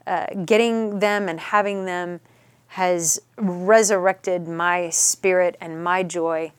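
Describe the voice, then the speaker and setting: Middle-aged woman, lowish voice, talks earnest and halting, goes almost whispery, dry no-room sound. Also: smooth, dry recording. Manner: earnest, halting, drops soft near a whisper. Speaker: guest. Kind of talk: personal storytelling in a podcast interview.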